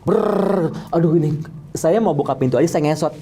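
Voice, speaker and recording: A man's voice: a little high, fast talker, warm tone, a little hiss or hum. A man from Depok who does makeup, telling a story in an interview in casual slang and acting out sounds like tapping. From Depok, Indonesia. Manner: vivid, acts out sounds with "tek, tek" effects. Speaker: makeup artist guest.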